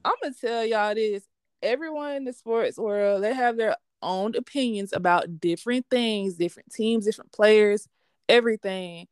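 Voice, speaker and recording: Young woman, podcast host as guest: slangy, candid, smooth clear tone, close dry mic. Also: mid-range voice, normal speed, no echo. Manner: candid, slangy, animated storytelling. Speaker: sports podcast host being interviewed. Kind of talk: casual interview.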